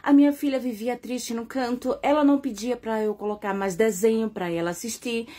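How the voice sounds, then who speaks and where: A woman's voice: fairly high pitch, fairly even intonation, brisk, mellow. A woman with a Brazilian accent gives an earnest first-person testimony about her family, speaking straight to her viewers and checking in with frequent tag questions. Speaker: mother telling her own story.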